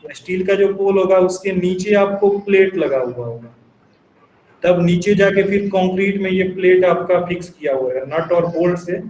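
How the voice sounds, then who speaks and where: A man's voice: sits high, darkish tone, muffled recording. Male engineering teacher, classroom lecture, quizzes the class and answers himself, echoey room. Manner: asks the class questions and answers them himself; dictates definitions slowly in English. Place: classroom with students. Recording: echoey classroom recording with faint ambience.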